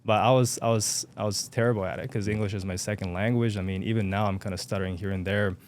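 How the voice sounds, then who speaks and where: Low-voiced young man, hesitant speech. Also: steady tone, quick pace. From Japan. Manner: hesitant, many fillers and restarts. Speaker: podcast guest. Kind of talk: casual interview chat.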